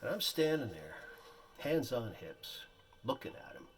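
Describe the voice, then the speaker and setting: Animated man telling a comic story. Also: mid-range voice, a little slow, far from the mic. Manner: animated, colorful, folksy phrasing.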